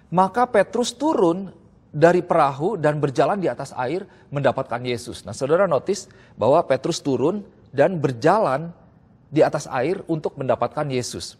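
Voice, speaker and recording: A man preaching a sermon in a relaxed, conversational way, reading verses and then explaining them casually. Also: a little high, normal speed, slightly rough. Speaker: pastor. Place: church hall. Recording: long reverb in a church hall.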